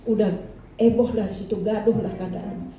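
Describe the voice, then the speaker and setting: A woman's voice: mid-range voice, fairly even intonation, normal speed, dark tone, recorded from a distance. An older woman pastor preaching a storytelling sermon, chatty and often turning to speak straight to her congregation. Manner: chatty, keeps addressing the congregation. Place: church hall. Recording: roomy echo, voice from off-mic.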